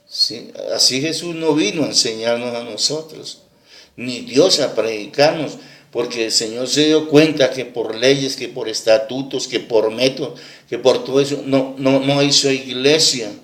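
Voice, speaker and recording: Pastor preaching in an echoey room. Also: male voice, medium pitch, unhurried, fairly bright tone. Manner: tells a story to make his point, asking "¿sí?" again and again. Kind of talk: sermon.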